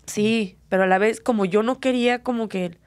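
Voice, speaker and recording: A woman's voice: mid-range voice, moderate pace, a little mellow, no echo. A young woman with a Mexican accent, an MMA fighter telling her story earnestly in an interview, with many fillers. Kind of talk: candid personal interview.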